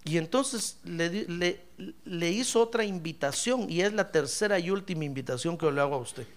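A man's voice: sits high, lively intonation, moderate pace. A man preaching a sermon in church, emphatic and ironic, often calling his listener brother. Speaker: pastor.

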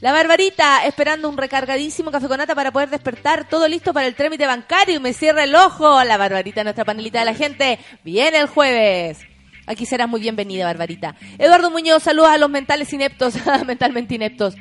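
A high, expressive, somewhat bright voice belongs to a Chilean woman hosting a morning radio program. She talks fast and is giggly and theatrical as she chats casually and reads out the news and listener messages in Chilean Spanish.

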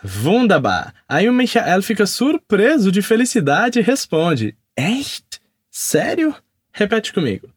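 A man's voice: sits high, wildly swooping pitch, a little slow, few pauses, breathy edge, dry recording, studio quality. A man teaching a podcast language lesson. He enunciates repeat-after-me drills carefully and follows them with upbeat praise.

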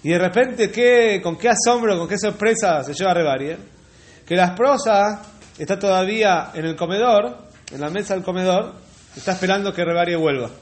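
Man, high voice, storyteller, unhurried, asides to listeners, self-corrections. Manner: repeats and corrects words. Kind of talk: telling a religious folk tale.

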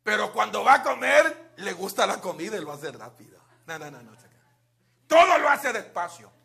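High, gravelly bilingual preacher man. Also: big pitch swings, moderate pace, pushed and bright. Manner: switches between Spanish and English, has the congregation repeat words. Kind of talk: bilingual sermon.

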